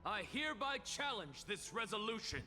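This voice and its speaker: An actor playing a haughty, theatrical scholar in a video game, lecturing an assembly with pompous, taunting, villain-like drawl. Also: male voice, high-pitched, very animated, moderate pace, exaggerated voice. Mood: grand challenge. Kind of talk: video game dramatic acting. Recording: long hall reverb, loud music behind. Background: game music.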